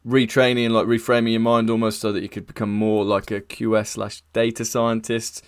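A man's voice: fairly low pitch, flat delivery, moderate pace, clean tone, no room sound. Chatty male podcast host, dry close sound. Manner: chatty, rambling questions, friendly teasing. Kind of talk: casual podcast interview.

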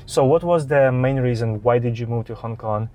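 A man hosting an interview series, reading a scripted intro and then asking relaxed questions with fillers. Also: medium pitch, moderate pace. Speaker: interview host.

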